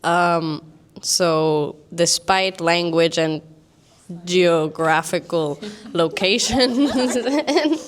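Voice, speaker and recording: A chatty woman from Venezuela co-hosts a live podcast talk in a classroom. Her voice is on the low side and her delivery is relaxed. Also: extremely slow. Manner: casual and chatty. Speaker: podcast co-host. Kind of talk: unscripted talk to a live audience.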